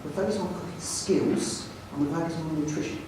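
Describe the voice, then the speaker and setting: A man with a London accent, a headteacher giving a jokey, animated talk to an audience. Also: a little high, fairly quick, a little hiss or hum. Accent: London English. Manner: jokey storyteller, animated, self-mocking. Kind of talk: anecdotal presentation to an audience. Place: large hall with audience. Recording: echoey hall, speaker far from mic.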